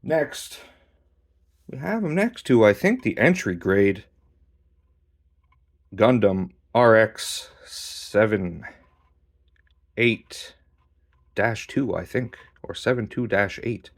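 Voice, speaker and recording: A man casually reviewing a model kit while posing it, relaxed, swearing now and then, and a bit out of breath. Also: lowish voice, slow pace, long pauses. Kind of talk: casual hands-on toy review.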